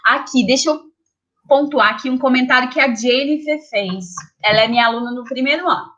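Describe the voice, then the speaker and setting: Woman, teacher moderating, high voice, agreeable, muffled lo-fi call audio. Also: moderate pace, fairly bright tone. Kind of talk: moderating an online talk.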